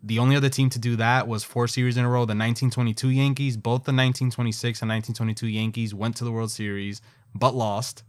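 A man's voice: medium pitch, little pitch movement, fast. Casual man reading baseball stats. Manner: reads stats aloud with asides and self-corrections. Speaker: podcast co-host. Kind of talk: casual sports chat.

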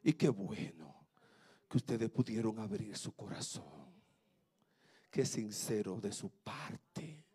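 A male pastor preaching a sermon, swinging from loud exhortation to hushed, tender tones. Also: fairly low pitch, very animated, slow pace, long pauses, breathy edge, no room sound.

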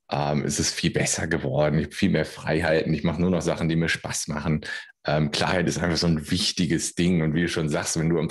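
Man, podcast host, deep voice, relaxed, asks questions, casual chat.

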